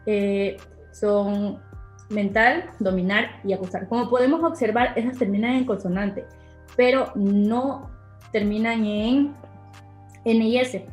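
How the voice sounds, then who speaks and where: A woman's voice: mid-range voice, a little mellow. A young woman giving a class presentation, hesitant, with many fillers. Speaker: student presenter. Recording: echoey room with faint music.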